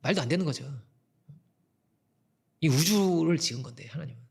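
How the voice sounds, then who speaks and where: A man preaching a sermon as pastor, telling a story in a conversational way and dropping his voice softly when he quotes people. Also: on the high side, animated, moderate pace, gravelly, a little hiss or hum. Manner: conversational storytelling, quoting people and God in soft asides.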